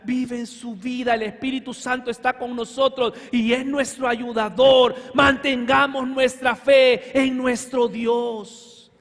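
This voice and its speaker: Fervent high-voiced preacher in a church hall. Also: male voice. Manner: fervent preaching, sudden shouts and slow emphatic lines; addresses congregation as hermano, asks for amen. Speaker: pastor. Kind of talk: sermon. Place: church sanctuary.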